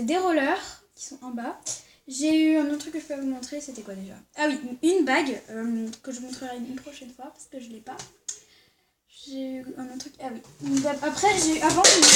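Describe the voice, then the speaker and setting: A high-voiced woman chats to camera as a vlogger, excitable and gushing, filling her talk with little fillers. A steady hiss of noise sits under the recording. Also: brisk. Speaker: vlogger showing Christmas presents. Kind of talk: casual chat to camera. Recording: noisy background hiss.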